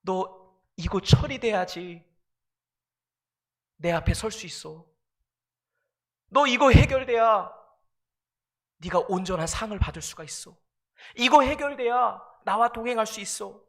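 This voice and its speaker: A man voicing God sternly rebuking and commanding sinners to repent, in a loud and urgent tone. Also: high-pitched, expressive, a little slow, creaky, pauses often, exaggerated voice. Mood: firm pleading.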